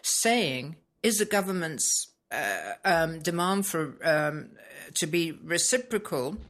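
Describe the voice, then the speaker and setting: A British woman living in Spain, talking through a current issue in casual conversation, pausing often with ums as she searches for words. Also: low voice, animated, fairly bright tone. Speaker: expat blogger discussing Brexit.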